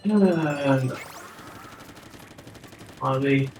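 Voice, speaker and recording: Man, bitcrushed crunchy voice-call audio, echoey room, slow casual gaming chat, swears. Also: mid-range voice, a little mellow, recorded from a distance, soft background music. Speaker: fellow player on a voice call. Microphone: remote voice call.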